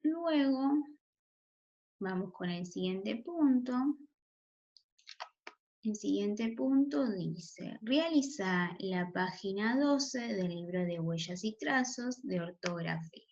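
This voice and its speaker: Slow, patient woman teaching spelling. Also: medium pitch, expressive, darkish tone, dull audio, slight background noise. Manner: checks in with a questioning "¿sí?" after each point. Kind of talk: slow, deliberate spelling lesson for children.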